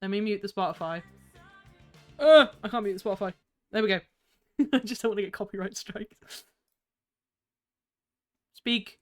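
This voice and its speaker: A woman streamer chatting live with her viewers in a bubbly, giggly, excitable way while playing games. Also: medium pitch, moderate pace, long pauses, faint music behind. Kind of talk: live gaming stream chat.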